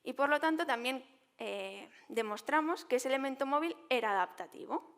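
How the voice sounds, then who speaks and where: High-voiced young woman scientist explaining. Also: animated, moderate pace, fairly bright tone. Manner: explanatory, with many fillers and tag questions. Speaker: scientist presenting research. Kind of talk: talk at a public science event.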